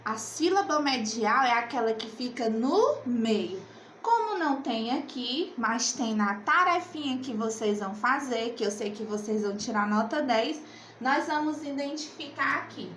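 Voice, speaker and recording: Lady teacher, high voice, slow and coaxing, echoey room. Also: expressive, fairly bright tone, a little hiss or hum. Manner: slow, coaxing, asks and answers her own questions. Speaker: primary school teacher. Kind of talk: remote literacy lesson.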